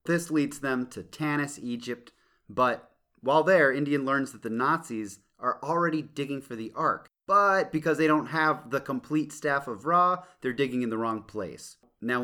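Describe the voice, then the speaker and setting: A male co-host of a legal podcast, mid-pitched and easygoing, keeps the casual chat relaxed, joking readily and laughing often.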